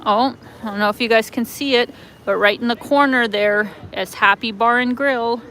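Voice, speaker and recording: Her voice sits on the high side, a bit bright, with a steady tone and normal speed, captured in a low-quality recording. The Canadian travel vlogger rambles with plenty of fillers during a live walking-tour chat streamed by phone through city streets.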